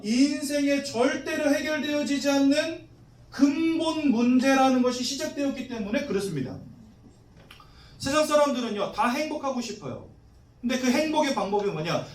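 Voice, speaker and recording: Male pastor in his forties with a high, animated voice. Casual, questioning sermon, recorded from afar in a roomy hall. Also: far from the mic. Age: 40s. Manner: conversational, asks the congregation questions, jokes. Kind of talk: sermon to new members. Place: church hall.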